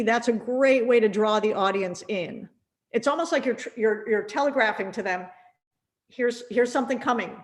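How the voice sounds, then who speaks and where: Thinking aloud and frequently repeating herself, a middle-aged woman gently encourages students in a percussion masterclass. Her voice is on the high side.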